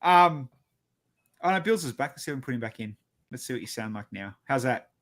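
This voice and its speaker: A man hosts a relaxed hobby chat. His talk is informal and blokey, at a middling pitch, like a mate among mates. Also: a little fast. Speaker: host of a hobby show. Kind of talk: casual chat.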